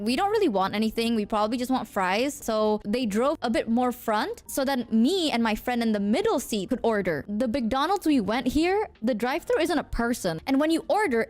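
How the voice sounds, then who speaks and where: A woman from Indonesia, telling a story casually to her live chat, animated and swearing freely. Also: on the high side. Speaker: streamer.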